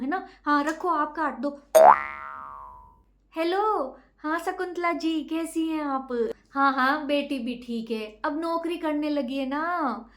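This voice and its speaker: A woman's voice: high voice, fairly bright tone. A woman playing a gossipy, boastful middle-aged mother who nags and lectures in a comic family sketch. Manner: nagging, lecturing, rhetorical 'है ना?' tags.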